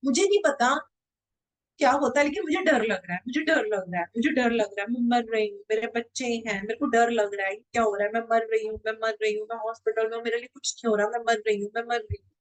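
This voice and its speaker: A woman's voice: a little high, fast, natural voice. A woman voicing a frightened older female hospital patient who keeps repeating herself in panic. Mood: panicked.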